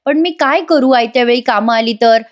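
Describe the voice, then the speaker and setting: A defensive young husband who answers suspicion with indignation and a raised voice, read out by a woman. The voice sits rather high and stays close to her own. He sounds like a man from a retold TV serial, quick to shout and keen to seem wronged. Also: lightly acted.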